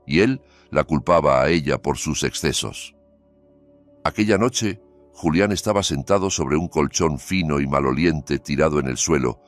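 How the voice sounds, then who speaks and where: Very deep-voiced male story narrator. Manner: steady, grave storytelling. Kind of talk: scripted narration.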